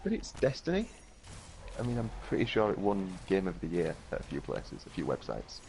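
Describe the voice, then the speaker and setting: Deep gravelly Scottish man, deadpan. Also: brisk, a little hiss or hum. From Scotland. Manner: dry and deadpan. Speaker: co-player. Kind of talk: casual gaming chat.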